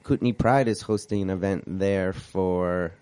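Hoarse man hosting radio. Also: sits low, normal speed, dark tone, dry recording. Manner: rambling, searching for words. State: hoarse from a cold. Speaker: radio show host. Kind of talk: casual radio chat.

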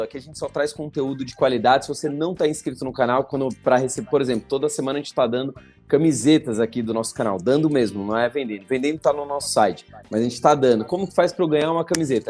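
A man hosting an interview channel, affable and joking with his guest. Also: medium pitch. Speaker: channel host.

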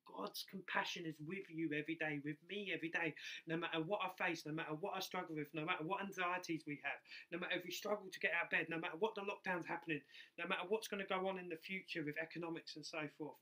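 Male preacher, bright forceful tone, slightly high pitch, says R like W, drives points home by repetition. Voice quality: soft R's pronounced close to W. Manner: repeats key phrases for emphasis. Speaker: preacher in ministry. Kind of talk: sermon.

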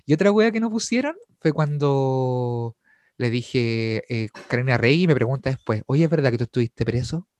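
A young Chilean man telling a story in a casual chat, animated, laughing and full of slang. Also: medium pitch, moderate pace, no echo. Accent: Chilean Spanish.

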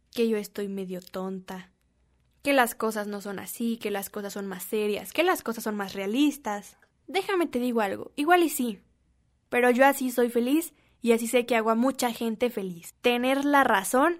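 A young woman with a Mexican accent, talking casually and encouragingly to her viewers in a playful, slangy way. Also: fairly high pitch. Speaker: vlogger. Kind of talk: casual self-help talk to camera.

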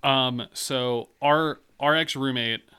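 A man's voice: mid-range voice, fairly even intonation, slow pace, bright, forceful tone, clean tone. A young man in his twenties, co-hosting a podcast in crude casual chat, swearing a lot and telling stories with animation. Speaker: podcast co-host.

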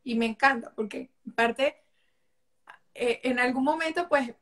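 A woman with a fairly high voice talks through her own family anecdotes as a guest. She speaks in an easy, warm conversational way, lively and personal. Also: measured pace. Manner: warm storytelling, acts out family quotes. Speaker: holistic therapist guest. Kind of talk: casual interview conversation.

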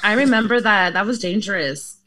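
A woman's voice: mid-range voice, lively intonation, brisk, crowd noise. A woman co-hosting her own podcast, guesting on another show in chatty, casual talk.

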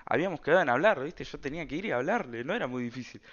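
A man's voice: a little high, animated, racing, fairly bright tone, dull audio. Rambling Argentine man telling a story. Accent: Argentine Rioplatense Spanish. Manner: rambling, slangy, full of fillers. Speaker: storyteller vlogger. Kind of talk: casual storytime monologue.

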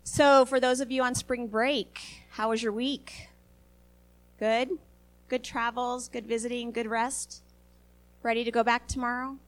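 A woman's voice: on the high side, little pitch movement, fairly bright tone. Sniffly woman giving a church sermon. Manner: earnest, halting, with many fillers. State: sniffly, recovering from a virus. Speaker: lay preacher.

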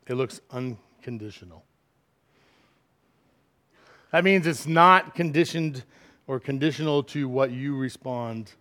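A middle-aged man preaching a sermon as pastor, swinging from loud, emphatic lines to quiet asides. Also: medium pitch, slow, pauses often.

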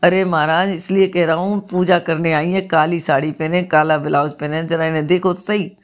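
A woman doing a calm, wise boy Ganesh. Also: on the high side, normal speed, close to an everyday voice. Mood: calm explaining. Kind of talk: folk tale storytelling.

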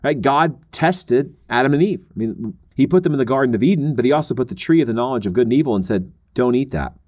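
A man's voice: medium pitch, expressive, fast, darkish tone. An earnest man teaching on a podcast, laying out his points patiently in a mid-range voice. He now and then slips into the voices of the people he quotes. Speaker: Bible teacher.

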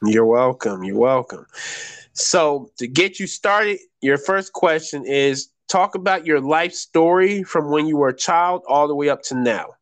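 A man's voice: on the high side, expressive, measured pace, dry recording. A man hosting a podcast, friendly and laughing easily as he puts questions to his guest. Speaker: podcast host. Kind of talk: casual interview over a call.

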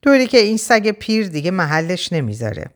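A woman's voice: lowish voice, big pitch swings, voice pushed up. A woman reading as a bitter young man. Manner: resentful, complaining. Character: young man, bitter and aggrieved about his father.

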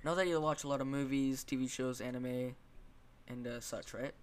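A man's voice: mid-range voice, fairly even intonation, normal speed, a loud crowd. A man hosting a casual podcast, talking in long rambling runs with many fillers and asking his guest questions. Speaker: podcast host.

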